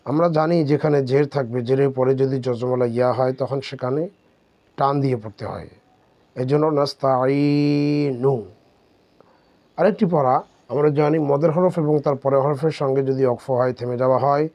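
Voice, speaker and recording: A man teaching Quran reading step by step, spelling out letters and drawing out syllables slowly. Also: medium pitch, a little mellow, no room sound. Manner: slow, drawn-out syllable drills. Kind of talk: step-by-step recitation lesson.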